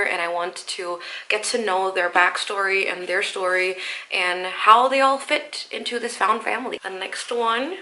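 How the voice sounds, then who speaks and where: A young book vlogger with a lowish, pushed, bright voice chats casually to camera, sounding nasal and congested from the flu. She walks through each of her picks step by step, though the audio quality is poor.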